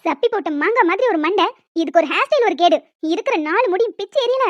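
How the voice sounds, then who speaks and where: Woman voicing bickering cartoon college girls, squeaky, fast, dry close sound. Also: lively intonation, dry recording, lo-fi sound. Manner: bickering, teasing. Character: quarrelsome young female college students. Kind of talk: cartoon voice acting.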